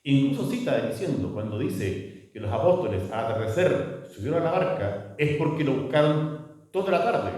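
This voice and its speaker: Man, priest, lively lecture, mellow voice, heard from far off in an echoey hall. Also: a little high. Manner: animated, rhetorical questions, acts out dialogue.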